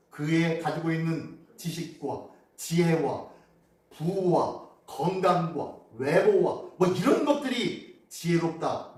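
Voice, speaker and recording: Male pastor, sermon, animated questioning delivery, booming church echo, mic at a distance. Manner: animated, asks the congregation questions. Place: church sanctuary.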